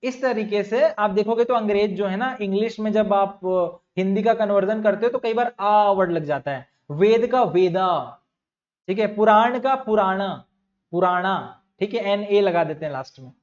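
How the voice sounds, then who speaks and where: A man's voice: sits high, moderate pace, hardly any pauses, a little mellow. A young male teacher giving an exam-prep lecture, who repeats key words, asks the class questions and calls his students bhaiya and bachcha. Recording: dull lo-fi sound.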